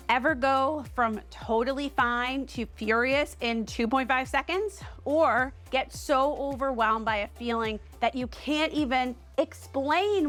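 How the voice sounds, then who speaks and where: Woman, Boston accent, host, chatty and emphatic, fairly high voice, soft background music. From Cape Cod, Massachusetts. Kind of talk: casual direct-to-camera talk.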